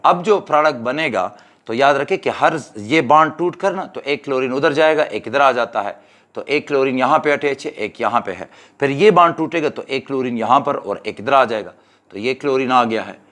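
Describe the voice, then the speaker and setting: A man's voice: mid-range voice, normal speed, fairly bright tone. Man teaching chemistry step by step. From Pakistan. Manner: explains step by step, mixing in English terms. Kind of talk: exam-prep lecture.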